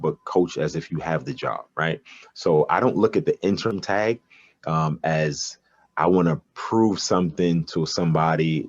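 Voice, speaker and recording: A basketball coach in his 40s from Brooklyn, New York, talks in a very deep, breathy voice. He answers interview questions conversationally, hesitating and repeating words as he thinks. The recording is dry and the audio dull.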